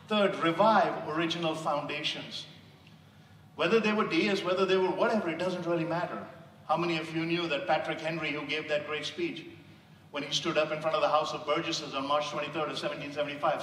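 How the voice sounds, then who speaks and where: Preaching motivation in a sermon style, a man from India speaks with passion in his Indian accent, building up to loud, forceful points. His voice is slightly high; the mic sits far off in a reverberant hall, with some faint background noise.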